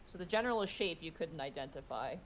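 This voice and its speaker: A woman with a fairly low voice runs a tabletop role-playing game. She describes scenes conversationally, making them up as she goes. There is faint noise in the recording. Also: animated, a little fast, rough recording. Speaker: game master. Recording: background noise, room ambience.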